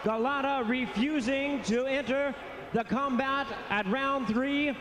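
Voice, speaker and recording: A man announcing results in the ring with formal, drawn-out, booming delivery. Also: steady tone, background noise. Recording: echoey arena with loud crowd.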